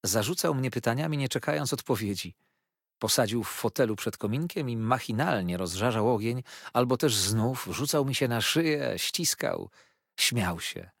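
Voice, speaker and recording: A man narrating a novel in a measured, storytelling reading. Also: mid-range voice, animated, gravelly, breathy edge, dry recording, studio quality. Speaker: audiobook narrator. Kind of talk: scripted literary narration.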